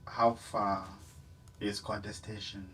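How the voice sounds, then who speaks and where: A man's voice: on the low side, little pitch movement, takes it slowly, bright, forceful tone, recorded from a distance, a little hiss or hum, low-quality recording. A man from Uganda, asking an impassioned question from the floor of a forum. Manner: impassioned, rises and falls in force, laughs between points. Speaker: audience member asking a question.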